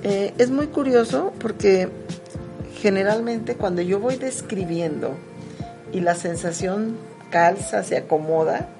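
A woman speaks gently and reflectively as she hosts a talk. Her voice has a gravelly edge. Music plays behind her. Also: on the low side. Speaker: host. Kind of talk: live talk on body awareness.

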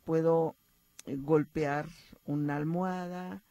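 Woman with a low, gravelly voice. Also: slow, dry recording, lo-fi sound. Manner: explanatory, calm, uses fillers like "este". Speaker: psychologist guest. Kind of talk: advice talk on radio.

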